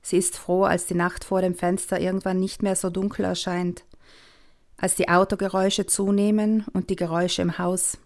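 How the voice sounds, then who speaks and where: A woman, reading aloud from her own children's book, calm and expressive, sometimes dropping to a hush. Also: on the low side, moderate pace. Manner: calm, expressive storyteller with soft hushed passages. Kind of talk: storybook reading.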